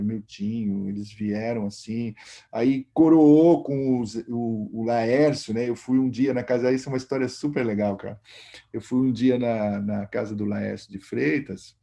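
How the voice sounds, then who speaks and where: A man's voice: medium pitch, gravelly, dark tone. A Brazilian man, a guest musician, telling a long rambling anecdote in a casual interview. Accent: Brazilian Portuguese. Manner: rambling anecdotal, many fillers.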